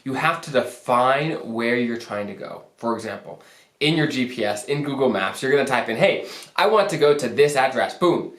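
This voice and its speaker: Talking to the camera, this young financial planner from Arizona hosts his channel with a cheerful, conversational, self-mocking style. His pitch is average for a man but sits deeper than normal because of a lingering cold, and he speaks at a normal speed with plenty of expression and a fairly bright tone. An echoey room colors the sound.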